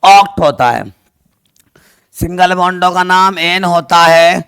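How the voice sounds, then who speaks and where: A man teaches chemistry online in a loud, projecting voice that sits a little high and comes across smooth and crisp. He keeps calling his students dear children, throws questions at them and answers them himself, mixing two languages. The sound is dry, with no room echo. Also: slow.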